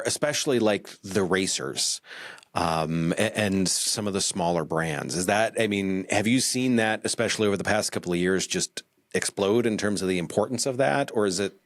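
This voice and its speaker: A man's voice: lowish voice, normal speed, no room sound, clean studio sound. A man hosting a podcast interview, talking casually with lots of fillers and restarts. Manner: animated, many fillers and restarts. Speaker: podcast host. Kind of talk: conversational interview.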